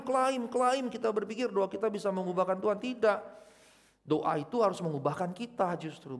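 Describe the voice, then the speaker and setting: A middle-aged man preaching a conversational sermon in a church, swinging from loud exclamations to quiet, intimate asides. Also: high voice. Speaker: pastor.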